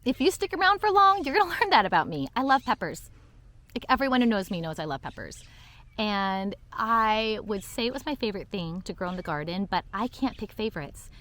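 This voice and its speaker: A woman's voice: mid-range voice, sing-song, a little fast, fairly bright tone. Bubbly woman touring her garden. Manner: chatty, bubbly, laughs at her own slips. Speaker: garden vlogger giving a tour. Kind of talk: casual walk-and-talk garden tour. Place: outdoor vegetable garden.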